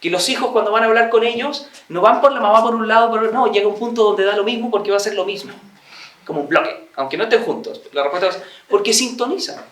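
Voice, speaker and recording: A high-voiced man lectures an audience and slips into little acted-out dialogues. He sounds set back from the mic, and his voice rings around an echoey room. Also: quick pace, far from the mic, a little hiss or hum. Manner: acts out little dialogues, animated and chatty. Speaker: speaker giving a talk on marriage.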